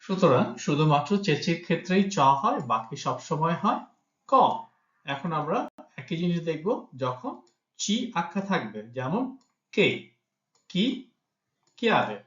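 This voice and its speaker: A man's voice: a little high, lively intonation, measured pace, a bit bright, reverberant, muffled recording. A man teaching a language lesson, patiently spelling out letters and example words one at a time. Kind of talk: teaching Italian pronunciation in Bengali.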